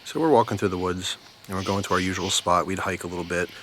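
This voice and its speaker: An American man from New Jersey telling a story casually, in an informal, unhurried way, repeating words for emphasis. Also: low voice, fairly even intonation, fairly bright tone, slight background noise. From New Jersey, United States. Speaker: storyteller, video host. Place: outdoors at night near bushes.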